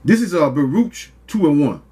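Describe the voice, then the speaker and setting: A man's voice: a little high, lively intonation, normal speed, dark tone. A man preaching scripture in a drawling, scornful way. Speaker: street preacher. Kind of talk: street preaching.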